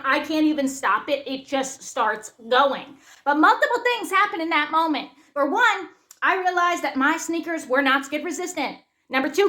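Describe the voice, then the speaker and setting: A woman with a high, bright voice tells a comic story. Her delivery is animated, profane and punchy. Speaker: comedian.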